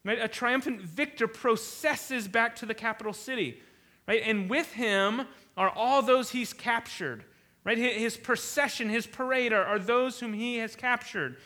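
A man's voice: very high voice, measured pace, sharp tone. A man preaching an expository sermon, reading scripture and emphatically restating his points. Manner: emphatic, repeats and rephrases points.

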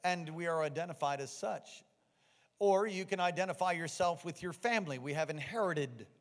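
High-voiced American preacher in a church hall. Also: male voice, a bit bright. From United States. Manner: emphatic preaching, repeats lines and quizzes the congregation. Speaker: pastor. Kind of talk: sermon. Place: church sanctuary.

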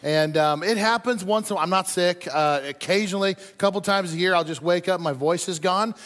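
A male pastor with a high, fairly bright voice gives a conversational sermon to his congregation in a large indoor church hall, speaking fairly quickly. He's informal and repeats phrases for emphasis, and the hall is echoey with long reverb.

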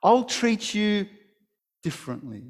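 A man voicing a cunning male rattlesnake in a story told during a sermon, speaking in a soft, coaxing way. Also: high-pitched, very animated, slow, big-room sound, heavily acted. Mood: pleading.

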